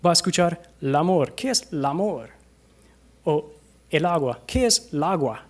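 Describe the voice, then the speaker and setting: A man with an American accent, a native English speaker, giving a conference talk on language teaching into a microphone, hesitating often and slowing down to demonstrate sounds. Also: a little high. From United States. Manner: hesitant, many filler sounds, slows down to demonstrate pronunciation. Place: conference hall.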